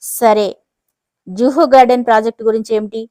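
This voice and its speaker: Brief: woman doing loud indignant CEO, pushy, somewhat high voice, dry sound. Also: fairly even intonation, a little fast, no echo, close to an everyday voice. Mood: angry, pushy. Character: angry, pushy middle-aged company CEO.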